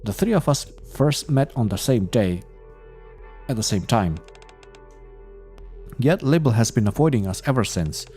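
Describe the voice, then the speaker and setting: A man's voice: mid-range voice, lively intonation, unhurried, pauses often, dark tone, soft background music. A man reading a musing, speculative young woman.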